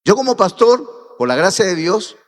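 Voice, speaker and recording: A Peruvian man, a pastor, preaches a sermon in a high, very animated voice at a moderate pace, pressing his points and climbing to emphatic peaks. He's in a church hall, and the recording is reverberant.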